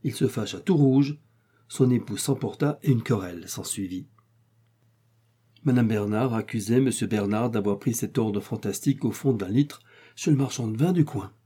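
Husky, dark-voiced male narrator. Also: on the low side. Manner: measured, expressive reading. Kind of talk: audiobook narration of a classic story.

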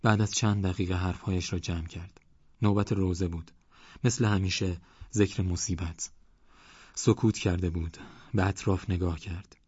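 A man narrating a novel as an audiobook in a steady storytelling manner. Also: low-pitched, slightly rough, dry recording, dull audio.

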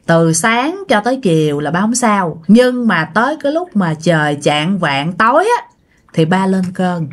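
A woman's voice: on the low side, very animated, a little slow. Woman, casual spoken ghost-story teller, chatty, talks to the audience. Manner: chatty, addresses listeners directly.

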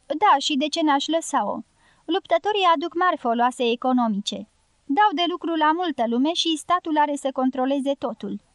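A woman's voice: sits high, lively intonation, dry recording, studio quality. A woman reading the part of a grieving, ashamed young man who was once a bullfighter. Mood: ashamed sad. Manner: sad, ashamed, subdued. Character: grieving young male former bullfighter, shy.

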